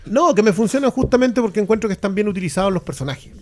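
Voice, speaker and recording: Un hombre con acento chileno, copresentador de un pódcast, que comenta películas en una charla informal y repite palabras al arrancar las frases. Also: male voice, high-pitched, lively intonation, slight background noise. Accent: Chilean Spanish. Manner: talks fast, repeats words, restarts often. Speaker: podcast co-host. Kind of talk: casual film review chat.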